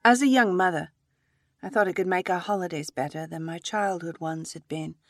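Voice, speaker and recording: Low, dry-voiced woman reading a story. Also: normal speed, no echo. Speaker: narrator. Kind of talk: first-person story reading.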